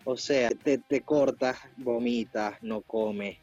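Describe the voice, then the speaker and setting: A man with a Venezuelan accent, chatting casually on a podcast, slangy and animated, laughing often. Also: medium pitch, slow. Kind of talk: casual chat. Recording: dull lo-fi sound with faint music.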